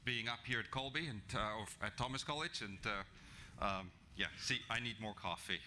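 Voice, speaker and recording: A middle-aged South African man, for whom English is not a first language, gives a conversational talk as guest speaker at a business breakfast, full of ums and restarts. He speaks into a podium microphone in a function room before an audience, and background noise is audible. His voice is lowish and his pace normal.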